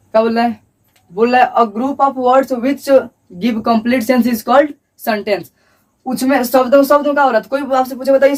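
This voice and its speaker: A man's voice: very high voice, recorded from a distance. A male teacher giving a classroom lecture at a board, repeating points and asking and answering his own questions.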